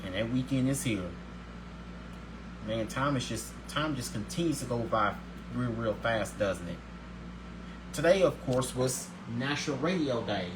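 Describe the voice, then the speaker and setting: A man hosts his own daily video show in an upbeat, religious way, reading a script aloud and tripping over words as he goes, then starting them over. His pitch sits at a middle height. A steady hiss of background noise runs under the recording. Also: measured pace, long pauses. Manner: reads with stumbles and restarts.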